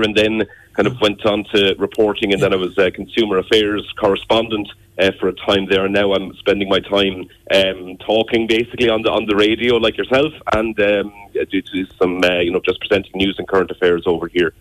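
A young man from Ireland speaks in a Wexford accent, quick and fairly low in pitch. He is a chatty interview guest who piles up words and doubles back on them, recorded close and dry. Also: a bit bright, dry recording, poor audio. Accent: Irish, Wexford. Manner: chatty, wordy, repeats words as he thinks aloud. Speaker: radio interview guest, journalist and presenter. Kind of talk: conversational radio interview.

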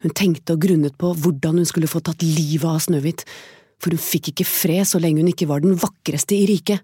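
A woman reading a fairy tale aloud as a storyteller, calm, gentle and evenly paced. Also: lowish voice, slightly rough, no echo, studio quality.

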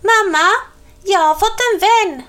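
A woman voicing a cheerful, proud little witch girl in a storybook reading. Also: fairly bright tone. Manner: squeaky, eager child voice.

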